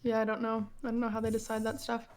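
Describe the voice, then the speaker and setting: A woman talks casually with friends on a live stream, trading gossip and laughing often. Her voice sits a little high. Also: monotone, fast, background noise. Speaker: streamer co-host. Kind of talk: casual chat on a group stream.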